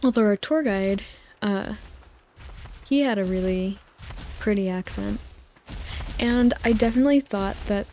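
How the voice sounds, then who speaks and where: Brief: young woman, soft-spoken ASMR host, mellow low-key tone, drifts into whispers. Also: a little slow, pauses often, slight background noise. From United States. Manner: gentle, rambling, with whispered asides and soft laughs. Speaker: gaming channel host. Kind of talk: soft-spoken ASMR rambling over gameplay. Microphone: close microphone, spoken softly.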